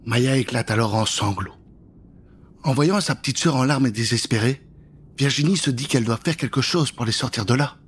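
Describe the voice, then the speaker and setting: A man in his thirties dramatically tells a children's story into a close studio microphone fitted with a pop filter. His mid-range voice has a breathy edge and a moderate pace.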